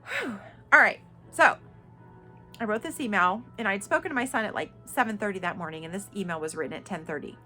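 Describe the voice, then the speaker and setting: A woman in her fifties sharing a personal story in a vlog, halting and heartfelt, crying at times. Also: mid-range voice, pushed and bright, faint music behind. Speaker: vlogger.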